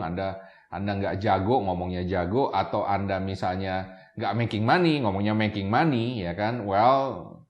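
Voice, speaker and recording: A man's voice: medium pitch, dull audio. A man giving casual tips to camera as a YouTube presenter, chatty, often checking in with "ya kan?" and mixing in English words. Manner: mixes English words into his talk. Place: room with a camera operator. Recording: echoey room.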